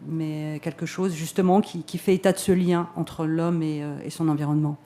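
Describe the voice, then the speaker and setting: Casting: filmmaker at a press conference, mellow mid-pitched voice, reflective, searching and hesitant. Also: level tone, moderate pace. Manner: hesitant, thoughtful, repeating words. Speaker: filmmaker answering questions.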